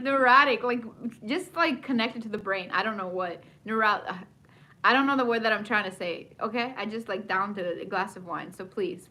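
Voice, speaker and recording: A woman with a high, bright voice chats through a TV recap, rambling and animated. She breaks into laughter often and drifts into asides. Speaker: TV recap vlogger. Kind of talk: casual chatty recap.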